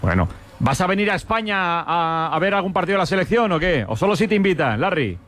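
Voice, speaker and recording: A man with a Spain Spanish accent hosting a radio sports show, quick and joking as he fires questions at his guests. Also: high voice, very animated, a bit bright. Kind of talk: lively radio sports chat.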